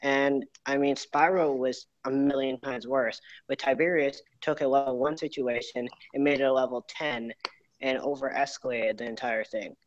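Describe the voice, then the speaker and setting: A man's voice: mid-range voice, fairly even intonation, moderate pace. Earnest rambling guy, echoey garage sound, dull lo-fi mic. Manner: earnest, rambling with many fillers. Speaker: YouTuber. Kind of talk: group apology video. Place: home garage.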